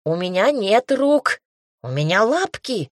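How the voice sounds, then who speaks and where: A woman's voice: medium pitch, sing-song, measured pace, no echo, clean studio sound, voice pushed up. Woman voicing a dramatic plump ginger cat. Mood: protesting.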